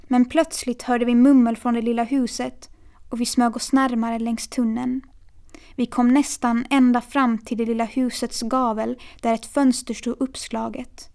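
A woman reading a children's novel aloud in a steady, quiet storytelling manner. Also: on the high side. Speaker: narrator. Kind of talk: audiobook reading.

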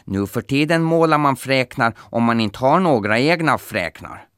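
A man's voice: mid-range voice, lively intonation, fairly bright tone, smooth, no echo, clean studio sound, voice pushed up, lightly acted. A man voicing a helpful talking wolf in a storybook, patiently explaining things.

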